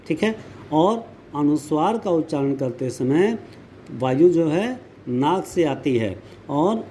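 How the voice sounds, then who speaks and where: A male teacher talks through a grammar lesson at an unhurried pace, repeating each example so students can follow. His voice sits a little high for a man but sounds mellow and soft-edged. A faint hiss runs under the recording. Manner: slow, explanatory, repeats words and examples for students. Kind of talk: classroom lesson.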